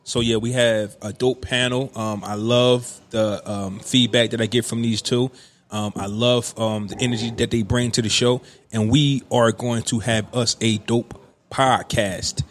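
A man's voice: medium pitch, fairly even intonation, unhurried. A man in his thirties hosting a podcast in casual, slangy, playful talk with hype greetings. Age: 30s. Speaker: podcast host. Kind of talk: casual chat.

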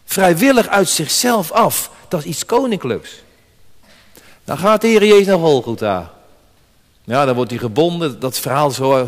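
A male pastor preaches with strong emphasis, his fairly high voice swinging widely in pitch. He repeats key words to drive them home, and a long hall reverb follows him. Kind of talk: sermon.

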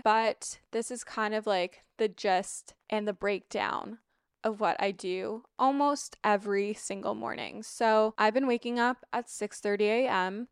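Young woman with crackly vocal fry. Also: medium pitch, no room sound, clean studio sound. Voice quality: vocal fry, slight rasp. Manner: informal, frequent asides and digressions. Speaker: lifestyle vlogger. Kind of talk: casual, chatty spoken routine rundown. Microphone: close microphone, wearing wired headphones.

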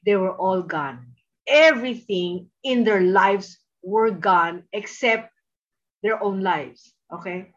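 Slow, emphatic Filipino woman preaching. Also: mid-range voice, a bit bright. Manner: emphatic, with frequent tag questions like "no?" and "okay?". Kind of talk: sermon. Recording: dull lo-fi recording.

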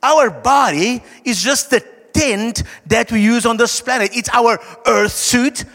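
A man with a broad South African accent preaching a conversational sermon, emphatic, with dramatic pauses and slowed, stressed phrases. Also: very high voice, gravelly, fairly bright tone. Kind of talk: sermon, conversational Bible teaching. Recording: echoey hall with long reverb.

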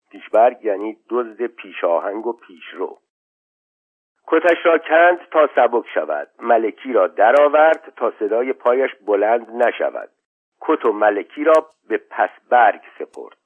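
A man reading a literary story aloud in a measured storytelling manner. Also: medium pitch. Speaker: audiobook reader. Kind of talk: scripted story narration. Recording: tinny lo-fi phone-like sound.

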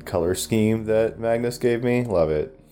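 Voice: medium pitch, warm tone, soft background music. A player in a tabletop role-playing game, chatting casually about their character and laughing often. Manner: giggly, drawn-out. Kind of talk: casual chat.

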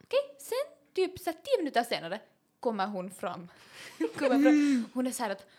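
A young woman with a Finland Swedish accent, co-hosting a podcast and telling a story in a casual chat, animated and laughing, slipping English phrases in. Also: on the high side, breathy edge. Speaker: podcast co-host.

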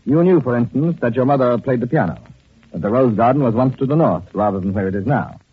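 An actor playing a suave, wealthy gentleman detective who speaks with dry irony, in 1940s radio acting, on a tinny old radio broadcast. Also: mid-range voice, lively intonation, quick pace, breathy edge, soft background music. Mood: urbane. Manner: urbane, dryly ironic. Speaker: amateur detective.

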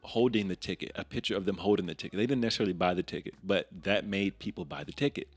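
A film director sits in as a podcast guest, his voice very deep and recorded dry and close. He tells his story in a casual, halting way, stumbling over and repeating words as he goes. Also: breathy edge, no room sound.

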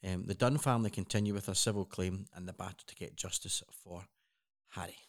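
A man's voice: sits low, fairly even intonation, a little fast. A man co-hosting a casual news chat, earnest and rambling with frequent restarts. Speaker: co-host.

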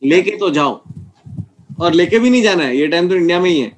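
A man with an Indian accent hosting a casual sports discussion in halting bursts, mixing Hindi into English. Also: high-pitched, animated. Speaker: podcast host. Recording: clear background noise with clicks.

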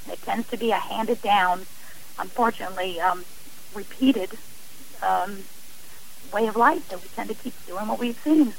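This middle-aged woman has a mid-range voice with vocal fry, speaking at a moderate pace and pausing often. As an author and abuse survivor guesting on a radio interview, she offers earnest, emphatic personal testimony in a conversational tone. The recording is low quality, with slight background noise.

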